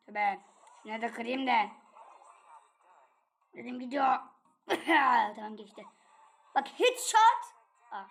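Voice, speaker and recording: A woman giving casual, playful commentary while playing a video game, chatty and excitable as she addresses her viewers. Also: high-pitched. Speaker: gaming channel host. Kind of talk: casual let's-play commentary.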